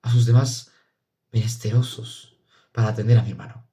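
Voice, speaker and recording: A man narrating a literary audiobook in a measured, solemn, expressive reading. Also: fairly low pitch.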